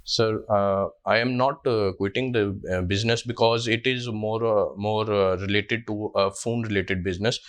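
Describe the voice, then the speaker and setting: A job candidate in his twenties with a Pakistani English accent answers an interview panel hesitantly, with many fillers and restarts. His voice is fairly low and steady, at normal speed with few pauses.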